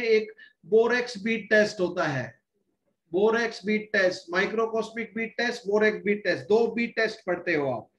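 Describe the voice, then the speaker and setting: A man's voice: high-pitched, a bit bright, reverberant. A man teaching a chemistry lecture, explaining step by step and firing off rhetorical questions to his students. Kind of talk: classroom lecture in Hinglish.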